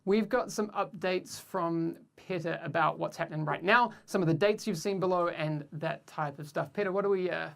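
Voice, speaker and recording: A man's voice: a little high, moderate pace, gravelly, few pauses. A man hosting a game livestream show, upbeat and full of fillers. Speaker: host.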